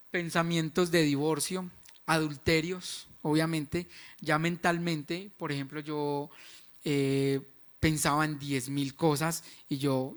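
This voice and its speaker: A man's voice: on the high side, a bit bright. Man giving a frank testimony. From Colombia. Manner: frank, storytelling. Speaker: husband sharing a testimony. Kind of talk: candid church testimony.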